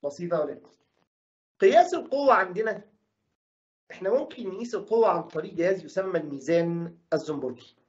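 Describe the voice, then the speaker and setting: A man's voice: high-pitched, lively intonation, fast talker, pauses often. A man with an Egyptian Arabic accent teaching a physics lesson, asking questions and answering them himself. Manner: asks questions and answers them himself, voices imagined student objections. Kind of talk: recorded classroom lesson. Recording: dull lo-fi recording.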